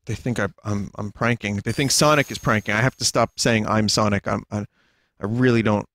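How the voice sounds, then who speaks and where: A man's voice: fairly low pitch, steady tone, a little fast, a bit bright. A man doing casual, joking commentary on games as a streamer, amused and sweary. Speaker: game streamer. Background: game music.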